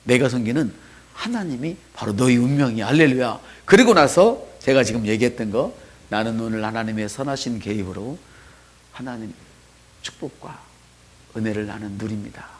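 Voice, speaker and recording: A man preaching a sermon as pastor in a church, dropping to soft asides and rising to loud calls, and leading the congregation in spoken responses. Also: medium pitch, animated, normal speed, breathy edge.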